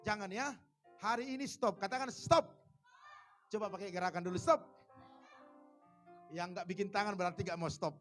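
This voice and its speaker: A man preaching a church sermon, lively and joking, acting out little everyday scenes. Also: high voice, quick pace, soft background music. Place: church service.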